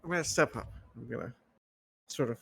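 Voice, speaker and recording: A man playing a tabletop game, speaking smoothly and flirtatiously in character. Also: mid-range voice, brisk, a bit bright. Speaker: player. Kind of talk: tabletop game role-play.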